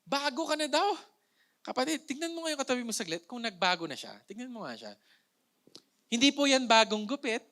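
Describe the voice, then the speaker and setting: A man's voice: very high voice, big pitch swings, fairly quick, pushed and bright. A young man with a Filipino accent preaching a playful, conversational sermon, mixing in jokes and rhetorical questions to the congregation.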